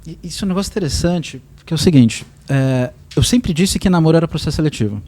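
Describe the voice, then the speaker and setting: A fairly high, lively male voice talks fast, with wide swings in pitch. He hosts a casual podcast and lays out his ideas by comparing them to running a company. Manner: explains ideas with business comparisons. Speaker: podcast host.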